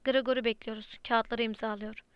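A woman's voice: on the high side, flat delivery, fairly quick, clear, resonant tone, no echo, close to an everyday voice. A woman reading the lines of a brusque, impatient woman who collects children in an audiobook. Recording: dry, slightly muffled lo-fi recording.

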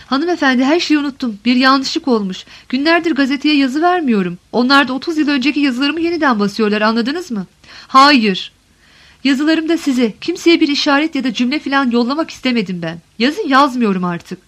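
A woman's voice: high voice, animated, fairly quick, fairly bright tone. A woman voicing an ageing male columnist who answers carefully and politely, with weary restraint, in an audiobook reading. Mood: cautious.

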